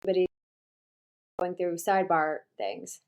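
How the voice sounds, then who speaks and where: A woman's voice: fairly low pitch, fairly even intonation, moderate pace, darkish tone. A woman hosting a livestream, chatting casually and rambling with lots of "like". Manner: rambling, heavy use of "like". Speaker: livestream host.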